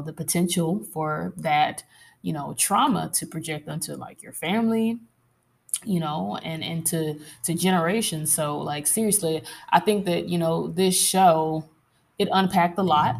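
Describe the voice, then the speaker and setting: Low, creaky-voiced woman hosting a podcast. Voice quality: sultry. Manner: conversational, expressive, with drawn-out emphatic words. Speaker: podcast host. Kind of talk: casual, candid solo podcast monologue.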